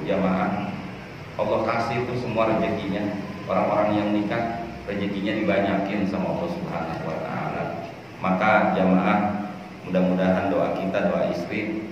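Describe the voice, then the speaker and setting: A middle-aged man giving a lively, conversational religious talk to a congregation. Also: low voice, background noise. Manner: lively, chatty, addresses congregation often. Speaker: preacher. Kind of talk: religious lecture. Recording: echoey distant lo-fi hall recording.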